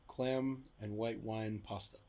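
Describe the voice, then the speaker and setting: A man's voice: fairly low pitch, little pitch movement, slow, a little mellow. A young man co-hosting a casual podcast chat, joking and a little self-deprecating. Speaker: podcast co-host.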